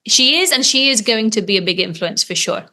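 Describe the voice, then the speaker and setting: A woman's voice: a little high, lively intonation, fairly quick, bright, forceful tone. A young adult woman, a metal singer, chatting enthusiastically in an interview, with plenty of ums and restarts. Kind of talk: casual interview chat.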